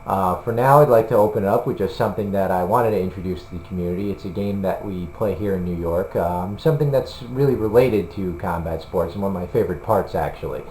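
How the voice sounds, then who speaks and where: A man's voice: deep voice, fast, hardly any pauses, darkish tone. A man video blogging for a combat sports site, talking casually to the camera in a rambling, hesitant way with lots of fillers. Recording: roomy room with faint hum.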